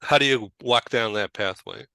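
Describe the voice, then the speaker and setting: A man's voice: medium pitch, moderate pace, vocal fry, sharp tone, clean tone, dry recording. An American man hosting a talk show, chatting casually with many fillers and restarts. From United States. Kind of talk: casual interview chat.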